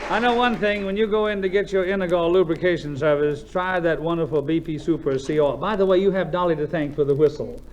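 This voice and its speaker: A man's voice: fairly high pitch, quick pace, few pauses, lo-fi sound, some chatter behind, a little hiss or hum. A man hosting a radio quiz show, joking and bantering breezily with the contestants. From United States. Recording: old radio broadcast with music and audience. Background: studio audience and music.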